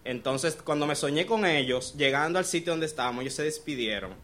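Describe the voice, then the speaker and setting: A man's voice: on the high side, animated, fairly quick, fairly bright tone. A man shares a dream with a church group, talking hesitantly and restarting his phrases. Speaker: church member sharing a dream. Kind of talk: casual personal account.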